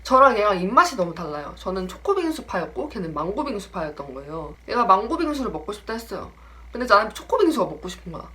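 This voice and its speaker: Speaking fast in a mid-range voice, a young woman in her twenties shares an animated, casual story about a friend on her vlog. She performs the quoted lines in different voices.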